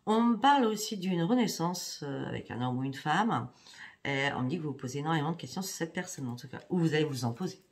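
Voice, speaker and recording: A woman's voice: low-pitched, fast. A woman doing a tarot reading for her viewers, speaking in a chatty way and often checking in with "hein" and "d'accord". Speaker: psychic card reader. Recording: steady background noise with clicks.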